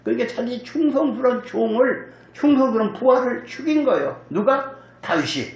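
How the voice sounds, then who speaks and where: In a church sanctuary with an echoey hall sound, a male pastor preaches at normal speed in a very high, animated voice. He tells the story vividly, acts out quotes and calls on the congregation to answer.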